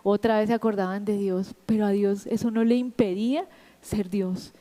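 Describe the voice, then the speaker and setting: A woman's voice: medium pitch, steady tone, normal speed, warm tone. A woman preaching a sermon to a women's group, retelling Bible scenes in a conversational, storytelling way with frequent asides to her listeners. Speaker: women's ministry speaker.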